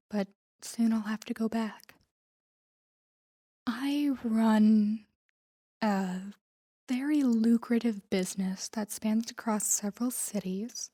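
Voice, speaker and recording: In an intimate scripted audio roleplay addressed to the listener, a woman plays a female crime boss confiding in her lover. Her mid-range voice is warm, relaxed and dark-toned, often sinking close to a whisper. She delivers it in a measured, earnest way, guarded yet tender.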